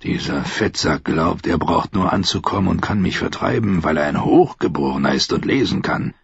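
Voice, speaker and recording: A man voicing a resentful young man who mutters with quiet menace. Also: expressive, normal speed, creaky, slightly rough, no echo, heavily acted. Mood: bitter. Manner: low, muttering, grudging. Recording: dull, muffled audio.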